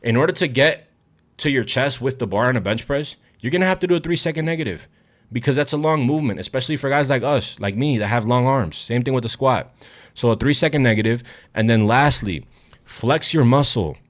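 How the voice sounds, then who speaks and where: A young man coaching fitness straight to camera, blunt, hyped and full of swearing, somewhat out of breath. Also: mid-range voice. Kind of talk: direct-to-camera fitness vlog.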